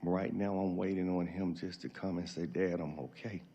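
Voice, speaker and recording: A middle-aged man with a husky, gravelly voice giving an emotional, tearful farewell speech as a grieving father, halting as he goes. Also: sits low, fairly even intonation, mellow, highs cut off.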